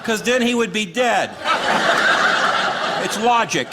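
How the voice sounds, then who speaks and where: Sarcastic, high-pitched American stand-up comic, man. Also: lively intonation, slow. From Los Angeles, United States. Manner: sarcastic, dry lilting delivery of punchlines. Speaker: stand-up comedian. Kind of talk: stand-up comedy routine. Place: live stage before a laughing audience. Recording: noisy live comedy club recording.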